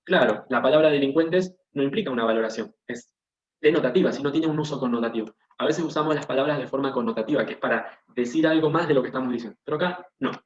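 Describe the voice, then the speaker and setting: A man's voice: mid-range voice, fast. A man teaching an online class, explaining step by step and often checking in with the students. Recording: echoey, dull lo-fi video-call audio.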